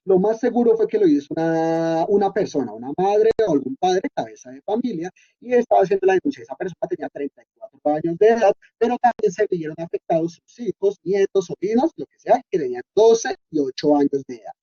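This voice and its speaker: A man walks students through a coding lesson in a husky, fairly high voice. He explains patiently and keeps asking if they are following. The recording sounds dull and lo-fi. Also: sing-song, a little fast, hardly any pauses, dark tone. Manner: explanatory, often checks in with "¿listo?". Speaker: instructor.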